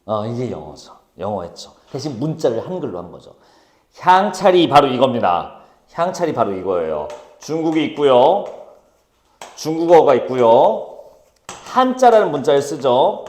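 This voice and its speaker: A man teaching a high school Korean class, brisk and teasing, calling on students by name. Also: big pitch swings, darkish tone. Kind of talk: classroom lecture. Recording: echoey classroom.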